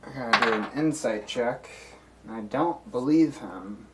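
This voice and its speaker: A man streaming a solo tabletop game, talking things through at an unhurried, drawn-out pace. He hesitates often and restarts his sentences as he works out his next move, and his voice sits at an ordinary middle pitch. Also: heavy background noise. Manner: hesitant, full of fillers and restarts, deliberating. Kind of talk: thinking aloud while playing a solo tabletop game.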